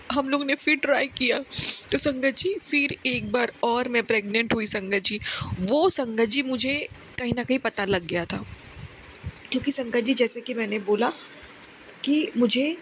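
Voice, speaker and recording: Young woman at home, hushed voice, high pitched, pleading testimony to the congregation. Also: slight background noise. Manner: speaks softly and hushed on purpose; pleading, repeats the address to the listeners often. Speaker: devotee sharing testimony.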